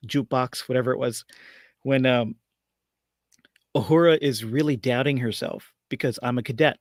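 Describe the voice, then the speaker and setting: A man's voice: medium pitch, no echo. Casual male podcast co-host, dry sound. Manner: relaxed, rambling, peppered with "like" and "kinda". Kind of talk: casual review chat.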